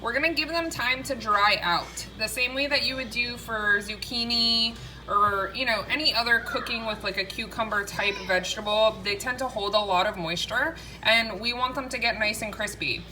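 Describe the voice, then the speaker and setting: Speaking at a moderate pace with a sharp tone and a slightly high pitch, a woman in her thirties gives a chatty walkthrough of a recipe. The cooking vlog is shot casually in her home kitchen, where faint background noise is audible, and the audio is poor.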